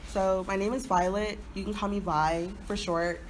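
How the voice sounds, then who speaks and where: A podcast co-host in her early twenties, living in Houston, Texas though not raised there from birth, tells stories casually, full of slang and "like." Her mid-range voice stays fairly even at a moderate pace, with a slight hiss or hum.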